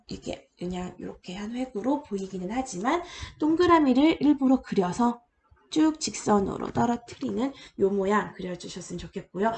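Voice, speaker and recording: A woman's voice: mid-range voice, gravelly, background noise. A woman lecturer patiently explaining, step by step, how to draw letters in an online language lesson.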